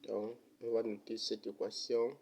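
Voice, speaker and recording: A man explaining an economics derivation step by step in a methodical lesson, ending with thanks and a sign-off. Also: lowish voice. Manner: slow, methodical, even delivery. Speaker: economics teacher.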